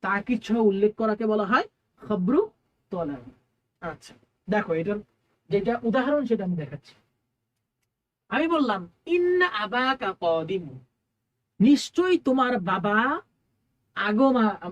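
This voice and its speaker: A woman teacher, giving an exam-prep lecture. She explains each term step by step, puts questions to the listener and answers them herself, and slows to a drawl when reciting phrases. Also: medium pitch, expressive, highs cut off. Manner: explains Arabic terms line by line in Bengali, asks and answers her own questions.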